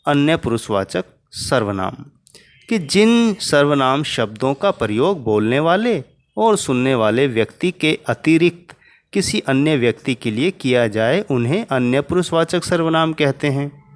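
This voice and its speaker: A man teaching a Hindi grammar lesson to children, patiently spelling out each example. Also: medium pitch.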